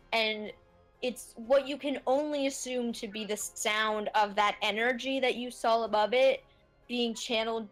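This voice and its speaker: Slow-talking woman game master. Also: fairly high pitch, fairly bright tone, low-quality recording. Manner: unhurried, descriptive, many fillers. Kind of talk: narrating a tabletop game.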